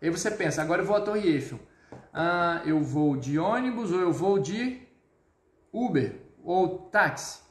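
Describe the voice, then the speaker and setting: A man teaching French in a live online lesson, explaining step by step, checking in often with his viewers, and slowing down to model each phrase. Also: high voice, expressive, echoey room. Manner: upbeat, explains step by step with frequent check-ins.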